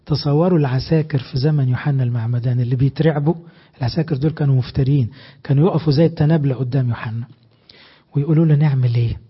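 A man with an Egyptian Arabic accent preaching a sermon, emphatic and animated, asking his listeners rhetorical questions. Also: mid-range voice, racing, breathy edge, dull audio.

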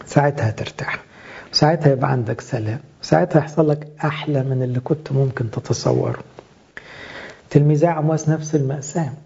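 A man's voice: medium pitch, fast talker, gravelly, darkish tone, breathy edge. A man with an Egyptian accent giving an earnest, pastoral sermon, speaking to his listeners as "my dear.". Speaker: preacher. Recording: dull lo-fi recording.

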